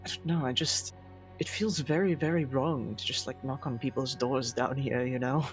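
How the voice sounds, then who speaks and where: A woman's voice: extremely low pitch, normal speed, soft background music. A woman chatting casually as a player in a tabletop role-playing game.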